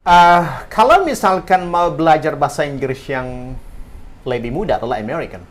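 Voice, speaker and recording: A man's voice: a little high, normal speed. A man from Tobelo on Halmahera, a podcast guest, telling stories in casual chat, switching into English and laughing often. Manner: animated storyteller mixing in English, laughs often.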